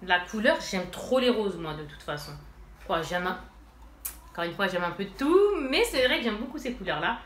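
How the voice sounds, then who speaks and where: A woman's voice: mid-range voice, very animated, moderate pace, fairly bright tone. Chatty woman vlogger, stuffy nose. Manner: chatty, addresses viewers directly, many fillers. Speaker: beauty vlogger. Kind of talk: casual haul and swatch demo. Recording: echoey room, faint noise.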